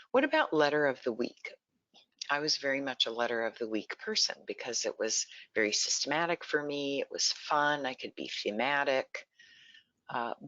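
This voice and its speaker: A woman's voice: a bass voice, fairly bright tone, no room sound. A woman educator giving a webinar on teaching the alphabet, explaining and modeling letter sounds as she goes. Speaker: early literacy educator. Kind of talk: webinar presentation. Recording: dull, slightly lo-fi audio.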